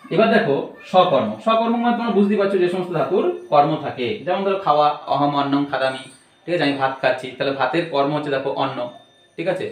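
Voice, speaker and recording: A man's voice: a little high, fast. Patient male teacher in an echoey room. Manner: patient, explains step by step with repeated questions. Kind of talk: online grammar lesson.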